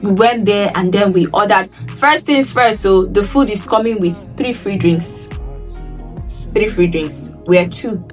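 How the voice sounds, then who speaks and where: A woman's voice: mid-range voice, a little slow. A young Nigerian woman with a Nigerian accent tells a travel story to camera in a casual, emphatic way, repeating phrases for effect. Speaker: travel vlogger. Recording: voice a little distant from the mic, soft music behind.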